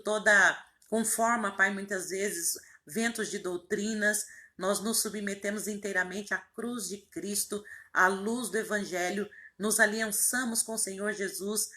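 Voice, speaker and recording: Bright fervent woman praying. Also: medium pitch. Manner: repetitive invocations, rising emphatic phrases. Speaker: pastor leading prayer. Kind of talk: fervent spoken prayer.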